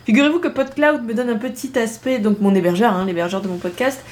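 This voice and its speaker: A woman's voice: a little high, fast talker, a little mellow. A woman hosting a casual podcast lesson as an English teacher, playful and self-mocking, laughing often as she explains.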